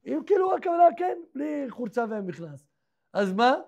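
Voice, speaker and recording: A man's voice: very high voice, vocal fry. A man, a rabbi, tells a story in a sermon, constantly asking rhetorical questions and acting out the characters' lines. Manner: acts out the characters' dialogue in lively voices. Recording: dull lo-fi recording.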